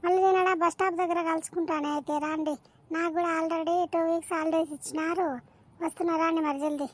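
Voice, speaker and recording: A woman voicing a young married daughter in a cartoon, eager and hurried. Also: extremely high pitch, flat delivery.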